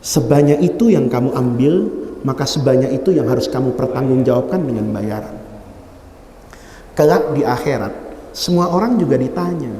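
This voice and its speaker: A man's voice: mid-range voice, moderate pace, mellow, a little hiss or hum. A man preaching a humorous sermon in a mosque, teasing the congregation by name as he teaches a classical text. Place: mosque hall. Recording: echoey mosque hall with long reverb.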